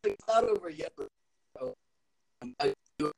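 Male podcast co-host on a choppy online call, his voice glitching into robotic pitch jumps as he rambles casually. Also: a little slow, gravelly. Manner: loose, filler-heavy talk with laughs. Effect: glitchy internet call audio, cutting in and out with robotic pitch jumps. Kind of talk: casual sports chat over an online call.

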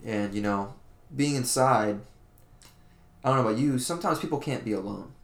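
A man's voice: mid-range voice, normal speed, echoey room. A young man from Florida co-hosting a podcast, talking in a laid-back, rambling way with lots of fillers. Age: young adult. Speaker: podcast co-host. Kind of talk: casual chat.

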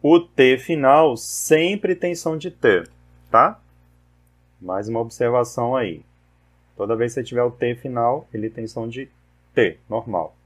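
A man talks through pronunciation rules at a slow, unhurried pace. His voice sits in a middle register, and he patiently repeats each list of words like a methodical teacher. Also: mid-range voice, expressive. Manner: patient, repeats word lists deliberately.

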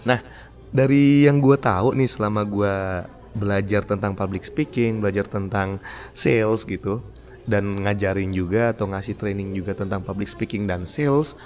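A man's voice: lowish voice, moderate pace, a little mellow. A man hosting his own podcast, talking casually about public speaking and laughing often. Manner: chatty, laughs often, demonstrates tones. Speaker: podcast host.

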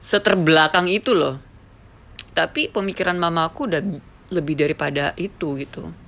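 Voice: medium pitch, moderate pace, creaky, a bit bright. A speaker in their thirties from Papua, telling an emotional personal story and acting out quoted dialogue. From Papua, Indonesia.

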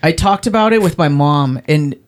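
A man's voice: a little high, lively intonation, moderate pace. A man co-hosting a podcast, bantering and laughing as he tells stories in casual chat. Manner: playful banter, laughing storyteller. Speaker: podcast co-host.

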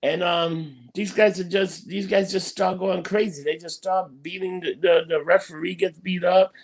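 A man's voice: sits high, steady tone, normal speed, vocal fry, low-quality recording. A man hosting a wrestling talk show, retelling matches informally with a showman's flair and repeating phrases for emphasis. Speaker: podcast host.

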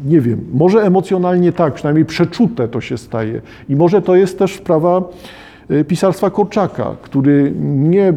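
Dark-voiced man musing on literature. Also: on the high side. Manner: thinks aloud, rephrasing and questioning himself. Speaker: podcaster discussing a children's novel. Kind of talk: reflective literary commentary with read-aloud passages.

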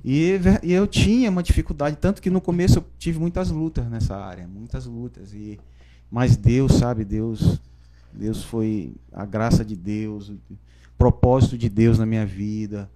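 A man, a pastor giving his conversion testimony in a podcast interview, telling it in a lively storytelling way with frequent tag questions. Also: mid-range voice, measured pace. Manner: storytelling, animated, frequent "né?" tags.

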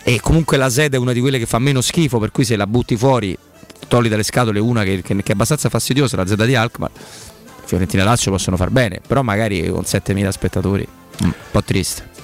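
A man's voice: fairly low pitch, fast, soft background music. A man with a Roman accent giving casual, colloquial sports commentary on the radio with a sardonic manner.

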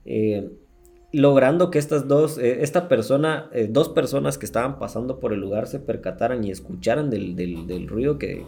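Speaking at medium pitch with a creaky, warm tone, a man with a Guatemalan Spanish accent hosts a podcast. He tells true-crime stories casually, in crude slang full of swearing and laughter.

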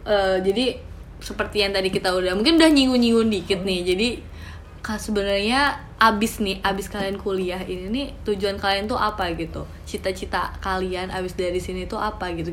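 A woman's voice: medium pitch, fairly quick, rough recording. A young woman moderates a friendly talk among students, putting questions to the group and moving the talk along. Faint noise lies under her voice. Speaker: discussion moderator. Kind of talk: casual group chat.

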